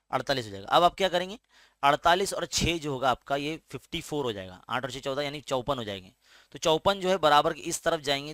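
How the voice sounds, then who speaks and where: A man's voice: medium pitch, fairly bright tone, no room sound. Patient man teaching maths, dry sound. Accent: Indian Urdu-medium. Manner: explains patiently, often asks "है ना?". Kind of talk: step-by-step maths lesson.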